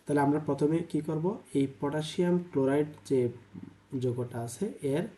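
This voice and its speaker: Very dark-voiced male tutor thinking aloud. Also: a little high, normal speed. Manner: thinks aloud, asks and answers own questions, "তাই না?" checks; mixes English numbers and terms into Bengali. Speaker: chemistry tutor. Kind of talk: exam-prep lesson, working problems aloud.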